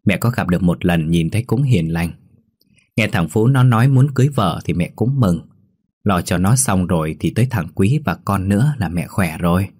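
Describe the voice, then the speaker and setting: Gentle mother, as a man reads her. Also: deep voice, animated, moderate pace, husky, no echo, clean studio sound. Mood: motherly. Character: middle-aged mother, gentle and warm-hearted.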